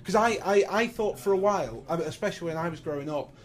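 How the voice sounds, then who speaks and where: A man's voice: sits high, fast talker. A young adult man interviewing, asking rambling questions full of fillers. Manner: hesitant, filler-heavy questions.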